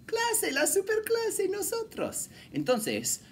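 A man's voice: very high-pitched, huge pitch swings, slow pace, a little hiss or hum. A man teaching young children to read syllables in a playful, theatrical way. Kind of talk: children's reading lesson.

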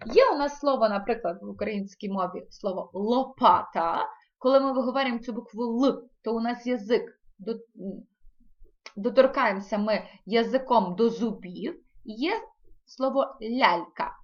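Female language teacher, fairly high voice, patient and explanatory, dull lo-fi sound. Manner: slow, careful word-by-word reading with pauses.

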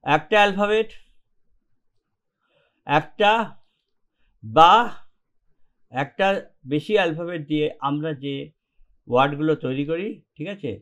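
A man's voice: on the high side, unhurried, long pauses, fairly bright tone. A man teaching an English grammar lesson in Bengali, explaining step by step and often checking whether the students follow. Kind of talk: online classroom lesson.

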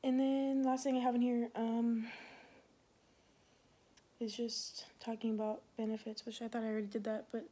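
A woman's voice: a little high, level tone, moderate pace, mellow. A pregnant woman in her twenties who serves in the Air Force, chatting casually in a rambling vlog, full of fillers and a little short of breath.

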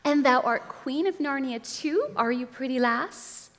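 A woman voicing a sweet-voiced scheming witch queen in a soft, soothing, quiet voice, recorded in a reverberant hall. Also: medium pitch, animated, normal speed.

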